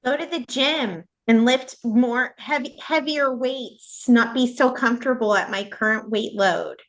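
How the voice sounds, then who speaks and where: A woman's voice: on the high side, unhurried, fairly bright tone, low-quality recording. A woman participant on a video call giving a brief, plainspoken answer. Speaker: class participant.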